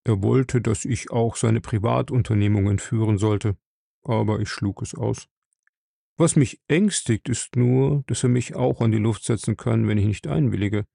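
Man reading as a nervous clerk, hushed and worried, gravelly, dry. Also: lowish voice, moderate pace, no room sound. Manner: hushed, anxious, confiding. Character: nervous middle-aged male clerk, timid and worried.

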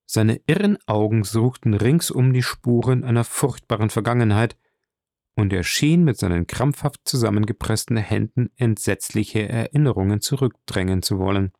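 A man narrating a classic novel in a measured, even storytelling manner. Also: lowish voice, no room sound, studio quality. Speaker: audiobook narrator.

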